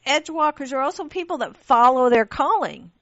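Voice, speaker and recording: A woman hosting a radio talk show, her voice on the higher side and recorded dry and close. She tells personal stories in an animated, chatty way, often restarting her sentences. The audio is dull and lo-fi. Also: moderate pace, dry recording. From Pakistan. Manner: animated storytelling with laughs and restarts. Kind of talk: casual interview chat.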